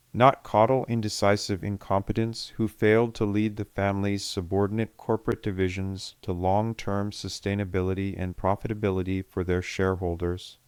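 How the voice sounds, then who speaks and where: Male audiobook narrator, measured, smooth resonant voice, dry sound. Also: fairly low pitch, darkish tone, no room sound. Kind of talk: scripted narration.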